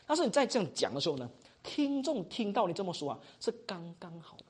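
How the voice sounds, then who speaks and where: This male preaching instructor from Malaysia has a high, husky voice and talks fast while teaching his class in Malaysian-accented Mandarin. He keeps things animated and chatty, tagging "哈" onto the end of his phrases.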